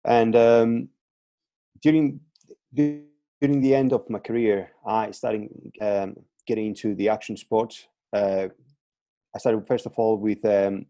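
Speaking slowly in a warm, steady, lowish voice, a Cretan strength and conditioning coach in his thirties talks on a relaxed podcast as a guest. English is his second language and carries a Greek accent; he's hesitant, leaning on fillers and repeated words, in a dry recording.

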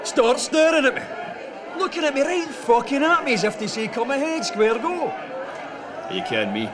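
A man's voice: extremely high pitch, sing-song, normal speed. An actor playing a swaggering, aggressive hard man telling a sweary tale in a broad Scottish urban street accent. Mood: menacing. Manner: cocky, menacing, slangy street talk. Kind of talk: film monologue, sweary storytelling. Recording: busy background crowd, film clip.

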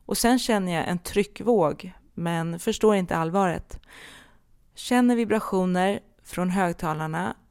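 A woman's voice: medium pitch, darkish tone. A woman hosting a podcast as a medium, talking candidly and reflectively, with frequent hesitations. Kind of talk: personal podcast monologue.

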